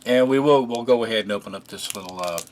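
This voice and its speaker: A man casually narrating a food taste test, relaxed and chatty, often pausing with fillers as he eats. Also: fairly low pitch, a little hiss or hum. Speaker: food reviewer.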